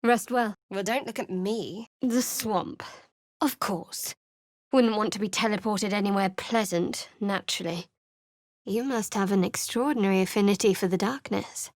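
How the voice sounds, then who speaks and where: These are video game character voice lines from an actress portraying a guarded, sardonic young woman cleric. She sounds dry, wry and guarded, with a natural, medium-pitched, slightly mellow voice at normal speed. A close studio mic captures her with no room sound.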